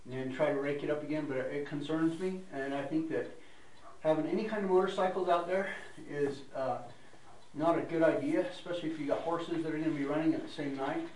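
A man's voice: fairly high pitch, fairly even intonation, a little fast, a little mellow. A man giving an informal, rambling report at a meeting, with frequent restarts and fillers. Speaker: staff member reporting at a meeting. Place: meeting room. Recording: echoey room, distant mic, background noise.

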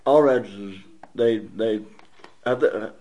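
A man chairing a meeting, speaking in a halting way with many fillers. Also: fairly low pitch, dark tone, lo-fi sound, a little hiss or hum. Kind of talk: running a meeting.

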